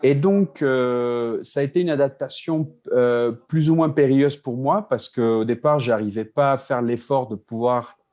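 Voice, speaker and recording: Halting French man telling his story. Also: mid-range voice, darkish tone. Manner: halting, many restarts and repeated words. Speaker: guest, beer business co-founder. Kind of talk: casual interview talk. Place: Mexico City.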